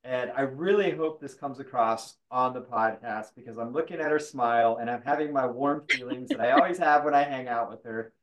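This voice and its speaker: A man's voice: medium pitch, a little fast, few pauses, a bit bright, a little hiss or hum, poor audio. A man from the American South hosting a casual podcast chat, teasing his guest in an easygoing way. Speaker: podcast host.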